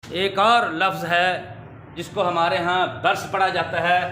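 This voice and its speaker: A man teaching pronunciation to children, slowly repeating wrong and correct forms. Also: sits high, level tone, bright, forceful tone, slight background noise. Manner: slow, drills correct and wrong forms, addresses dear children. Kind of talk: classroom pronunciation lesson. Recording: echoey room with faint ambience.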